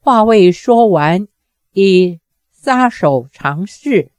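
一位女性朗读者，以从容而富有戏剧感的方式讲述武侠小说。. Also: female voice, medium pitch, expressive, a little mellow, no room sound. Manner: measured, dramatic storytelling. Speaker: narrator. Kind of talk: audiobook narration.

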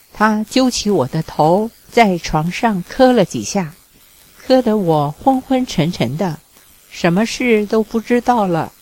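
A woman giving a calm, measured reading of a literary story, quoting its characters' lines as she goes. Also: medium pitch, poor audio. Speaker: reader.

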